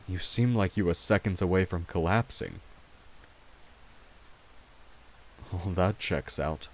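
In poor audio, a low-voiced man takes on the role of a protective, courtly vampire king for ASMR roleplay. Gentle and wry, he speaks formally and soothingly to the listener at an unhurried pace, sounding teasing yet concerned.

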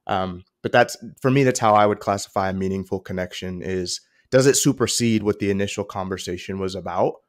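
A man's voice: low voice, fairly quick, hardly any pauses. A man speaking as a podcast guest, thinking aloud and hedging with ums as he goes. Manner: thoughtful, hedging, with many ums. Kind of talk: casual interview chat.

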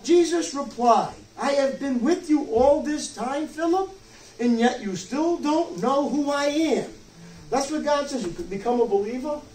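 This sermon comes from a man in his sixties whose voice is extremely high, expressive, and a little mellow, paced with care. He preaches emphatically, asking rhetorical questions and checking in with "okay?" and "you see?", while a roomy, distant mic catches some background noise.

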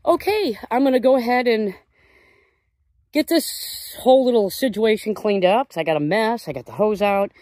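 A woman's voice: mid-range voice, normal speed, darkish tone, no room sound. A woman who runs a koi farm, talking casually outdoors by a pond, gushing and cooing to her fish as she works.

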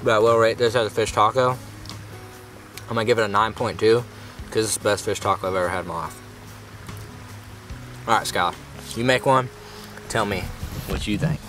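A man's voice: on the low side, fairly even intonation, moderate pace, pauses often, fairly bright tone, low-quality recording. Laid-back guy cooking outdoors. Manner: laid-back, folksy, chatty. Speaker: host. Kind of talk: casual cooking demo to camera. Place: outdoors on a gravel riverbank. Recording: music playing under the voice. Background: background music.

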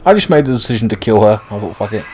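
A man hosting a casual game playthrough in a slightly low voice. He rambles and grumbles, swearing freely as he talks. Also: animated, rapid-fire, darkish tone, slight background noise. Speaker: gaming video host.

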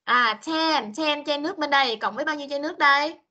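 Teacher, woman, high bright voice, patient and coaxing with little kids, video-call sound. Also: dull audio. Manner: patient, coaxing, switches between Vietnamese and slow English. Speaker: English teacher. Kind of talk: online class for young children.

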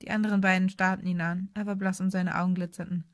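A woman reading an audiobook in a calm, measured narration. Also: on the low side, no room sound, studio quality. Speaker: audiobook reader. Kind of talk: scripted narration.

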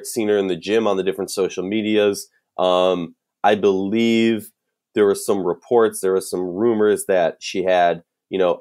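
A man's voice: fairly low pitch, darkish tone. A man with a Minnesotan accent co-hosting a casual sports podcast, thinking aloud with lots of restarts and fillers. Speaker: podcast co-host.

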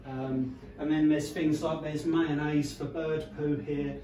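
A man's voice: fairly high pitch, level tone, slow, dark tone. A man talking loosely about his photos at an exhibition, with fillers. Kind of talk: informal gallery talk. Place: small gallery room with photos on the walls. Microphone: far camera. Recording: echoey room, distant mic, people around.

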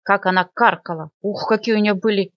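A woman librarian reading a children's fairy tale aloud in an expressive storytelling manner. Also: brisk, dry recording. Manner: expressive storytelling, lively pitch. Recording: dull lo-fi dry recording.

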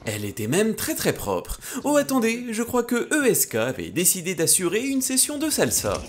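Guy hosting gaming highlights, playful scripted voiceover, super lively pitch. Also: normal speed, noisy background. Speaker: host narrator of a gaming highlights show. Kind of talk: scripted narration.

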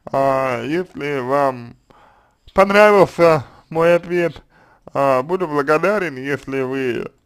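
Calm, hesitant man giving advice. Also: fairly high pitch, takes it slowly, clear, resonant tone. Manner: hesitant, many fillers and restarts. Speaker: consultant answering a question. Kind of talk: unscripted spoken advice.

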